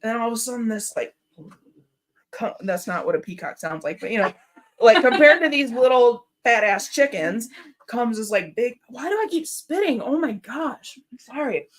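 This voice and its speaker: A woman telling stories in casual chat, animated and profane, often laughing as she talks. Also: on the high side, moderate pace. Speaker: talk show participant.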